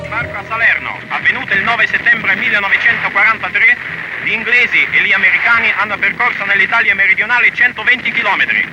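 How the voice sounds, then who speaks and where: A man's voice: high voice, fast talker, lo-fi sound, over loud music. A man with a strong German accent reading a 1940s newsreel voice-over in a declamatory, propagandistic way, heard from an old newsreel soundtrack. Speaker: newsreel narrator.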